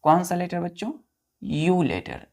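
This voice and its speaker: Speaking in a lowish, slightly mellow voice, this teacher is very animated yet unhurried. Addressing her class as children, she spells vocabulary words letter by letter and answers the very questions she puts to them.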